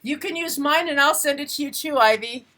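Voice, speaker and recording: A woman's voice: high-pitched, fairly quick, pushed and bright. A woman chatting casually on a live stream as she crafts, thinking aloud and trailing off mid-sentence.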